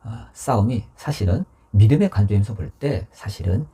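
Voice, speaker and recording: A man preaches in a church with a very husky, mellow voice. His pitch swings widely as he acts out voices from scripture. At times he falls to a whisper to drive a point home. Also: moderate pace. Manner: animated preaching, acting out scripture voices, dropping to whispers for emphasis. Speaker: pastor. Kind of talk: sermon.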